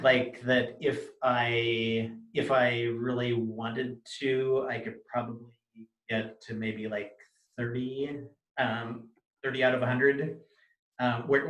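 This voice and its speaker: Man with cluttered, halting speech, echoey room. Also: medium pitch, fairly bright tone. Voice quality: disfluent cluttered speech with many word and syllable repetitions. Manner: disjointed, halting, self-correcting delivery with frequent restarts. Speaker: interviewee sharing his experience of cluttering. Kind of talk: conversational personal account. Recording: roomy, echoey video recording.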